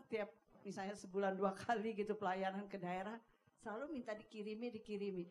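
Congregation woman, mid-pitched voice, hesitant and polite, faint background noise. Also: a little mellow. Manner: hesitant, many fillers, polite. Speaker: congregation member asking a question. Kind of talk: hesitant question at a church Q&A.

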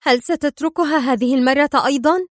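A woman voicing a cool-headed young female intelligence agent who answers coldly and calmly. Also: medium pitch, fairly quick, no echo, clean studio sound, close to an everyday voice. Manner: cold, composed.

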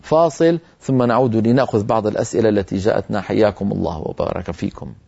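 A Syrian man teaching a televised Quran recitation lesson, answering questions and sounding out letters slowly, syllable by syllable. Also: fairly low pitch, creaky, dark tone, slightly rough. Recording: muffled broadcast audio.

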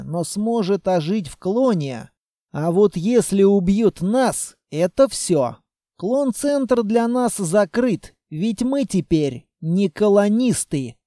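A man reads a first-person audiobook, slow and measured, with a high-set, mellow voice. The sound is dry and close to the mic. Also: no room sound. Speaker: audiobook narrator.

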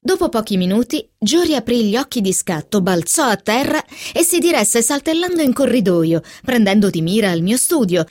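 A woman's voice: a little high, sing-song, moderate pace, few pauses, darkish tone, no room sound, clean studio sound. A woman reading a book aloud expressively, acting out the scenes. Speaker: book reader.

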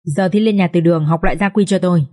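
A woman's voice: on the low side, quick pace, warm tone, natural voice. Woman doing a strict elder matriarch. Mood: stern. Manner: stern, lecturing. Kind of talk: audiobook character reading.

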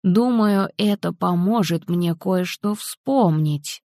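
A woman reading an audiobook, voicing a determined grandmother in her sixties who speaks quietly, measured and firm. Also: fairly low pitch, no room sound, studio quality. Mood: steely. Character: determined grandmother, cold and steely.

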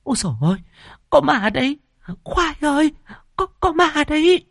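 A man's voice: sing-song, normal speed, creaky, a bit bright, no room sound, studio quality, heavily acted. A man voicing a frightened, flirtatious wealthy lady who wails shrilly in a horror storybook reading. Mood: panicked. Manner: shrill panicked wailing.

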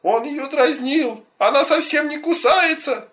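A man voicing an indignant fashionable lady who scolds in a high, shrill voice. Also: moderate pace, sharp tone, close to an everyday voice. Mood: shrill protest.

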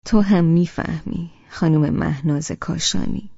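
A woman voicing a shy young husband who speaks very quietly, in an audiobook. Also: sits low, gravelly, breathy edge, no room sound, lo-fi sound, full character voice. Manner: very quiet, near whisper.

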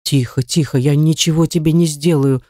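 A reader voicing a hot-tempered, pushy young man with a lower, blunt and insistent delivery, in an audiobook. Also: fairly even intonation, moderate pace, dark tone, no echo, studio quality, natural voice. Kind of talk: audiobook character voice.

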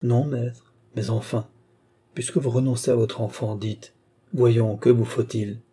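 A guarded, devoted disciple, read by a male narrator answers in a steady and respectful way. His voice is mellow and slightly husky, and he stays calm under pressure. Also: mid-range voice. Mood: earnest. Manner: measured, respectful, restrained. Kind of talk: audiobook character reading.

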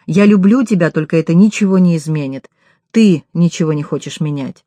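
A woman reading an audiobook voices a calm, stern young man who speaks curtly and with contempt. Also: deep voice, fairly quick, no echo. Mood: cold, contemptuous. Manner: cold, curt, contemptuous.

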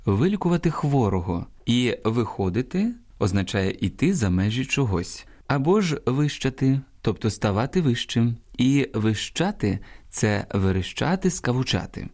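Lively-voiced Ukrainian radio language teacher. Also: male voice, mid-range voice. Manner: didactic, stresses example words slowly. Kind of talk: scripted radio talk on language norms.

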